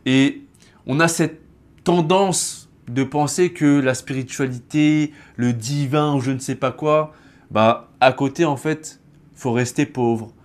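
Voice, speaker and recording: A man's voice: medium pitch, slow pace. A man in a casual vlog monologue, chatty and familiar, speaking directly to the viewer in an earnest, reflective way. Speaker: YouTuber.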